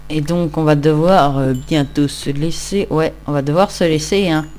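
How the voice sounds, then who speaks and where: A man's voice: a little high, fairly even intonation, normal speed, darkish tone, faint music behind. A tired man giving casual, rambling, self-mocking commentary while he plays a game. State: tired, just woke up. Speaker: Minecraft let's-play host.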